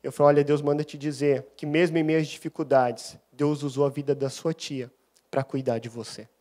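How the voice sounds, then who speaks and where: A man's voice: fairly high pitch, brisk. A young adult man, a deacon giving a sermon built on personal testimony and acting out the dialogue as he tells it. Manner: animated storyteller, acts out dialogue. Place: church.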